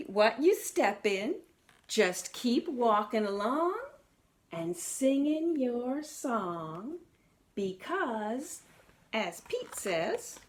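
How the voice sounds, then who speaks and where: A slightly high-voiced woman reads a picture book aloud to young kids with lots of animation. She quizzes her audience and lets out exclamations along with the tale.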